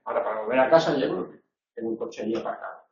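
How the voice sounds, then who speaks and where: A man's voice: medium pitch, very fast, distant mic, slight background noise. A man from Spain lecturing a class on grammar, explaining points step by step and often checking that listeners follow. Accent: Spanish, not from Madrid. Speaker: university lecturer. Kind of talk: recorded tutorial lecture. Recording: dull, echoey room recording from afar.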